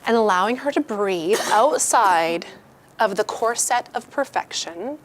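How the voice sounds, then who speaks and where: A woman's voice: medium pitch, expressive, measured pace, a little hiss or hum. A woman giving a casual motivational talk to a live group, candid and chatty, swearing freely and acting out the voices of people she quotes. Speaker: workshop speaker.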